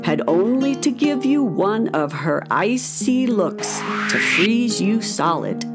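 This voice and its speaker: Reading a children's story from a script, a woman narrates in a measured, expressive way. Her pitch is medium, and loud music plays behind her.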